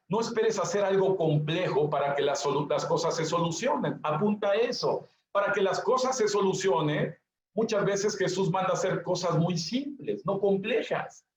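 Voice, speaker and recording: A male pastor preaching a sermon, stressing points through repetition and speaking straight to his listeners. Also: sits high. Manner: emphatic repetition, addresses listeners directly. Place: church hall. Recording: echoey, dull lo-fi church recording.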